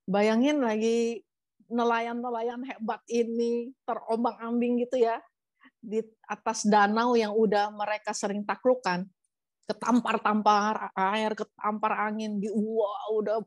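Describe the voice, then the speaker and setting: A woman's voice: fairly high pitch, dry recording. Chatty woman pastor, dry sound. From Indonesia. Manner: chatty, lively, acts out quotes. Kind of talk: casual conversational sermon. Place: church.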